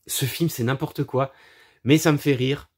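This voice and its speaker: A man with a mid-range, slightly rough voice chats casually and a little slowly about his film collection. He's crude and profane, mocking things with frequent laughter and animated asides.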